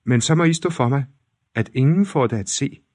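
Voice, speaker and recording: A man voicing a spoiled, vain young princess in a storybook reading, high and haughty. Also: a little mellow, no room sound, studio quality, natural voice.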